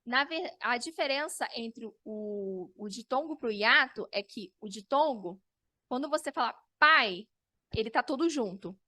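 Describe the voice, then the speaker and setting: Slow, bright-voiced woman teacher. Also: on the high side, expressive, no echo. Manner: slow, explanatory, checks in with "tá?". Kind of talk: online class review lesson.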